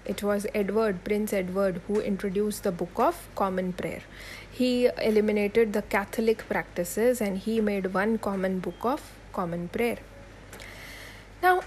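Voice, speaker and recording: A woman's voice: mid-range voice, darkish tone, a little hiss or hum, low-quality recording. A woman teaching a history lesson for exam students. She repeats key points, spells names letter by letter and asks questions that she answers herself.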